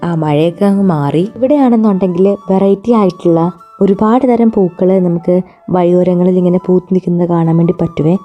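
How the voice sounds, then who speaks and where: Her voice is mellow and on the low side as she narrates a casual travel vlog. The Malayali-accented woman mixes English words into Malayalam, and music plays in the background.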